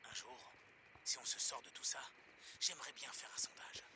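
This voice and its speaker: An actor playing an indignant anti-government pirate radio host, preaching to listeners in a game broadcast with rhetorical questions. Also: male voice, mid-range voice, moderate pace, background noise. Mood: ranting. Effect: pirate radio broadcast heard in the game. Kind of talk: dubbed video game dialogue.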